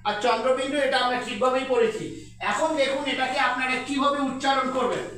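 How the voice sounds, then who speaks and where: A young man teaching a grammar lesson, slowly repeating sounds to drill pronunciation. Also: very high-pitched, flat delivery, bright, forceful tone. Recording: very echoey room, mic at a distance.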